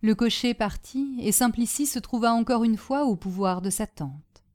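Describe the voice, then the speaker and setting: A woman reads a classic story aloud in calm, measured narration. Her voice sits a little high. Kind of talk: storybook reading.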